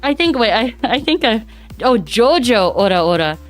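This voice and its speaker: A woman streamer in casual chat, bubbly and giggly, her voice raspy and hoarse from a week of coughing. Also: on the high side, sing-song, moderate pace. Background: faint background music.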